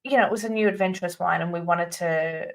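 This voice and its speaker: A woman co-hosts a casual podcast, talking loosely with plenty of fillers and restarts. Her voice sits a little lower than most women's. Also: fast, creaky. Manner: loose and chatty, many fillers. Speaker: podcast co-host. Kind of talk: casual chat.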